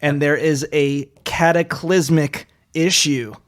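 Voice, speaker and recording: A man hosting a podcast, chiming in with quick jokes and recaps of the guest's story. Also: on the high side, fairly even intonation. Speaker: podcast host. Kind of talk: casual interview chat.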